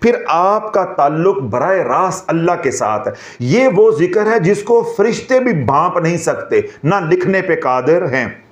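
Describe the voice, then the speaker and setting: Animated male preacher. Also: on the high side, a little slow, roomy sound. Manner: animated, mixes in Punjabi phrases and humor. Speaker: Islamic spiritual teacher. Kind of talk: devotional lecture.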